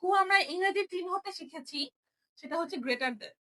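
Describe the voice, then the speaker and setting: A young woman with a very high, bright voice teaches a step-by-step writing lesson. She talks patiently and repeats each sound so learners can follow. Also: brisk. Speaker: Japanese language teacher.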